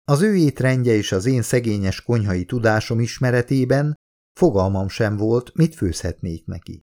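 A man narrating a first-person novel as an expressive audiobook reader. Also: medium pitch.

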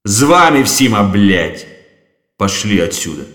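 A man's voice: lowish voice, sing-song, unhurried, fairly bright tone, roomy sound. A man voicing a paranoid, foul-mouthed ageing male president who barks coarse orders. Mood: furious. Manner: coarse, swearing, barking orders.

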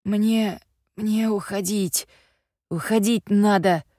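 A woman voicing a hoarse, wheezing, injured father who is desperate, in an audiobook reading. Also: mid-range voice, steady tone, slow, dark tone, dry recording, clean studio sound. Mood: weak pleading.

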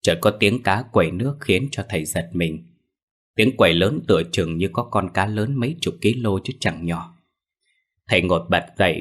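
A man reads a scripted ghost story in a steady, measured way. His voice is very deep with a husky grain. The telling stays even from line to line. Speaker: narrator.

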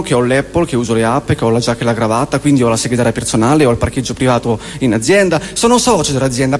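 A Roman stage performer in his forties delivers a comic theatre monologue in a fairly high voice, relying on repetition and deliberate pauses. The long reverb of a live hall carries his words, with slight background noise present.

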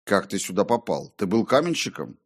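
A man's voice: lowish voice, big pitch swings, a little fast. A man voicing a terrified medieval mason who speaks strained, pleading and crying out, in an audiobook. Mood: frightened desperate. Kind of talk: audiobook character voice.

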